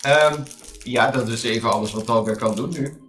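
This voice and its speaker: A man's voice: medium pitch, fairly quick, a bit bright. A man chatting casually as a player at a tabletop game, in a roomy space.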